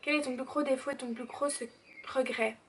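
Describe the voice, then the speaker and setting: Bubbly high-voiced teen girl. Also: fairly even intonation, a little fast, fairly bright tone. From Belgium. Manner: chatty and bubbly, lots of fillers and "genre". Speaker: YouTuber answering viewer questions. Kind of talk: casual Q&A vlog. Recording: slightly distant mic, faint background noise.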